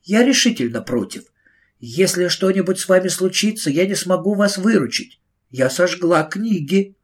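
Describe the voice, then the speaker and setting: A man's voice: high voice, animated, normal speed, slightly rough, pitched above the performer's own voice. A man doing a fretful prim spinster witch. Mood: firm. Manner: fretful, primly insistent. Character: prim anxious spinster witch, middle-aged woman.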